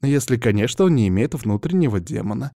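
A man's voice: medium pitch, animated, fast talker, warm tone, dry recording, studio quality, lightly acted. A man voicing a demon in a young woman's body, sly and taunting.

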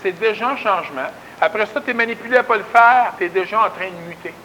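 His voice sits high and comes out a little fast, bright and forceful. This Québécois-accented spiritual lecturer gives a folksy, emphatic conversational talk, often saying words twice for stress. The recording is rough, with slight background noise.

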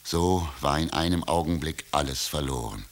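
A man's voice: very deep voice, moderate pace. A man narrating a fairy tale from a script as a storyteller.

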